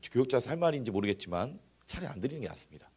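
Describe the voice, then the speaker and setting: Animated male pastor preaching. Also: mid-range voice, racing, husky. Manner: animated, conversational, acts out examples. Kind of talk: sermon. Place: church.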